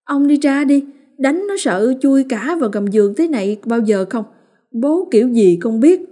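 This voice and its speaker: A woman voicing a fierce, protective village mother who scolds and shouts in rapid bursts, as a character in an audiobook. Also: fairly high pitch, pitched above the performer's own voice, natural voice. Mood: furious.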